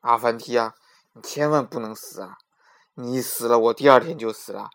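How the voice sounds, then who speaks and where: A man's voice: slow pace, bright, forceful tone, clear, resonant tone. A man playing a blustering, panicky cruel emperor. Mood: panicked. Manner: shrill and panicky when frightened.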